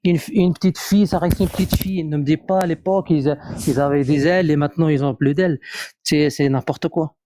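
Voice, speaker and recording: Male, Moroccan accent in French, soft dark tone, dry close sound, searches for words in casual debate. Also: a little high, fairly even intonation, dry recording. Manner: halting, searching for words, repeats himself. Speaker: live discussion participant.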